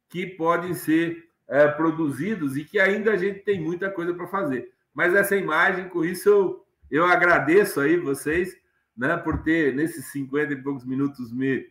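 In a fairly high, bright voice with a forceful tone, a middle-aged man lectures online as a guest from his bookshelf-filled home study. He rambles and restarts, peppering his speech with fillers. The audio comes through a webcam on a video call and the room echoes.

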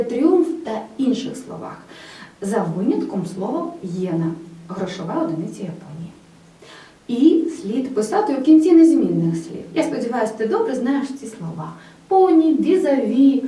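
A woman's voice: fairly high pitch, warm tone, echoey room, far from the mic, poor audio. A woman teacher giving a school grammar lesson, speaking straight to the pupil and reading out example words one by one.

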